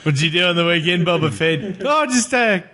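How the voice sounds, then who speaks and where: A man's voice: high-pitched, lively intonation, moderate pace, bright, forceful tone, slight background noise, voice pushed up. A man voicing a laid-back male bounty hunter in a mock New Zealand accent, joking and laughing through it. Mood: goofing around.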